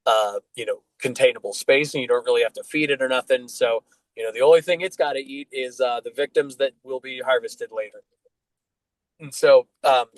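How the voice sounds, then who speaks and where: A man's voice: medium pitch, no room sound, poor audio. Laid-back man running a game. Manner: relaxed, with many fillers. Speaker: dungeon master. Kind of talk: narrating a tabletop game.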